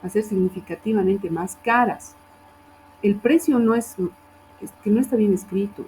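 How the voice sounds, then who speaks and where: A woman's voice: mid-range voice, normal speed, vocal fry, mellow, slight background noise, low-quality recording. A woman teacher reviewing student assignments, correcting wording and often checking in with her class.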